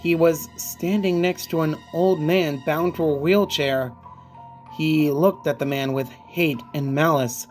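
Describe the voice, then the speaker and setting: A horror story narrator with a higher voice reads a scripted creepypasta at a measured pace and in a steady tone. Music plays in the background behind him.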